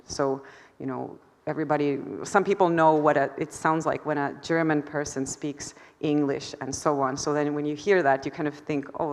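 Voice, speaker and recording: A woman artist presenting her work at a conference talk, hesitant, with many fillers and restarts and self-deprecating laughter. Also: deep voice. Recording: long hall reverb.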